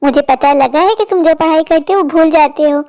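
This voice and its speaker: A woman's voice: high voice, fairly quick, warm tone, dry recording, clean studio sound. A woman voicing a kind fairy who offers to help a boy in a cartoon story. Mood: reassuring. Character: kind female fairy, helpful.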